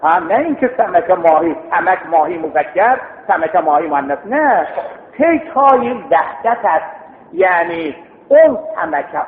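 A man teaching a seminary class, explaining step by step, reciting Arabic text and quizzing his students. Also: sits high. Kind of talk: classroom lecture. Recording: echoey hall, tinny lo-fi sound.

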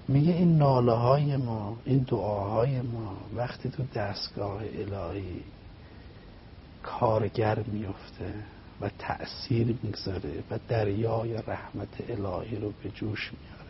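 A man speaks as a religious guest, explaining through a story in animated, rhythmic phrases. His voice sits fairly low. The recording is slightly dull with a faint rumble.

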